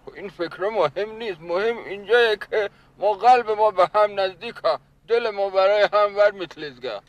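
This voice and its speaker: This high-pitched man sounds close to an everyday voice, with no echo, on a low-quality recording. He's acting in a sitcom as a lovestruck, bragging caretaker who pines for a young woman, speaks of love ornately, and addresses people as "baba jan."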